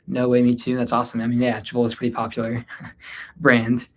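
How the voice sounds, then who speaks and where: A man from the Delhi area hosts an unscripted livestream, answering viewer questions in Hindi, his native language, mixed with English. His mid-pitched voice is monotone and fast, tired and informal, with hesitations and sentences that trail away. There's a little hiss or hum.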